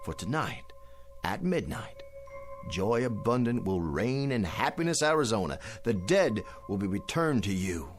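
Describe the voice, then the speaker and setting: An actor in old-time radio drama style playing a smooth-talking, theatrical Western con man with florid, declamatory delivery. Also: on the low side, sing-song, unhurried. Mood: solemn, showmanlike. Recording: loud music under the voice.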